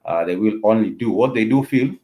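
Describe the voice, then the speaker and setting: A man with an African accent hosts a spoken political commentary, talking haltingly and often repeating phrases for emphasis. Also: lowish voice, expressive, dark tone. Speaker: host of a political discussion show.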